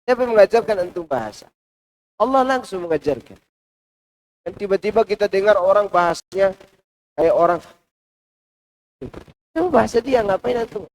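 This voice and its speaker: A man with a fairly high voice preaches to a mosque congregation. His delivery is animated, swinging from loud, emphatic lines to soft, hushed asides as he teaches. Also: normal speed, long pauses, low-quality recording. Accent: Indonesian. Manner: lively, shifting between loud and hushed delivery. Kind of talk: Quran commentary lecture. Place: large mosque.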